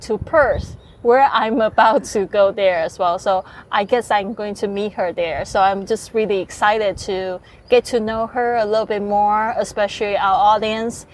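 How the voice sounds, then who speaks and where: A woman's voice: mid-range voice, slight background noise. Woman host interviewing, hesitant and friendly. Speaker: podcast host. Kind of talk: podcast interview. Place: art studio in Bali.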